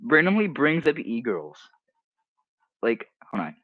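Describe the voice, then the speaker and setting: A teenage man rambles through comments on a livestream, with a mocking, offhand delivery and frequent restarts. His voice sits in an average pitch and sounds dry and close. The recording is a bit dull and lo-fi. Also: big pitch swings, unhurried, no room sound. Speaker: streamer.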